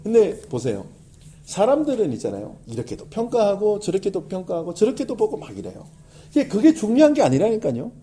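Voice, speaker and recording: Lively, high-pitched preaching pastor. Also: male voice. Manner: animated, conversational preaching with emphatic swings. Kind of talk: sermon.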